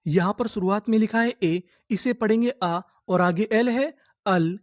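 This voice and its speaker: A man gives a spoken lesson to students, breaking long words into letters and sounding them out slowly. He asks a question and answers it himself, then drills each word by repeating it. His voice sounds dry, with no room echo. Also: high voice. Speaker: English reading teacher.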